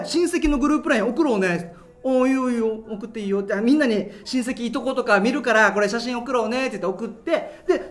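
A man's voice: extremely high pitch, fairly bright tone. A man hosting a local radio show, telling stories in a chatty way, laughing as he talks and using lots of fillers, recorded live in front of an audience. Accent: Okinawan. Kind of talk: casual solo radio talk. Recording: live recording with music behind.

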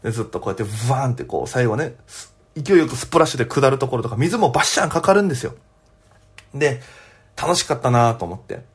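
A young man, a comedian, telling a story alone on his podcast in a chatty, animated way. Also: medium pitch, quick pace, slightly rough.

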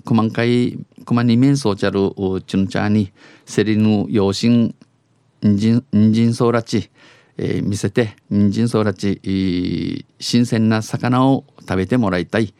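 A man's voice: lowish voice, steady tone, normal speed, warm tone, smooth, dry recording. A man with an Okinawan accent reading news phrase by phrase, alternating standard Japanese with Okinawan dialect and often restating lines. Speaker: news reader on a dialect news segment.

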